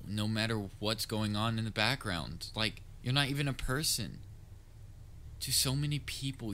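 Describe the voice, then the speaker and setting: Against a clearly noisy ambient background, a man plays a theatrical supervillain in an audio roleplay, his voice fairly low. Soft-hearted and anxiously attached to his nemesis, he addresses the listener directly, earnest and halting, with touches of wry banter.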